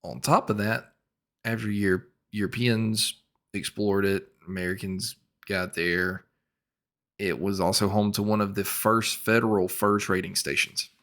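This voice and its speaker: Low man reading history notes. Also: fairly even intonation, a little slow. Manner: reads notes, spells out names, trails off quietly. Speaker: podcast co-host. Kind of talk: casual podcast chat.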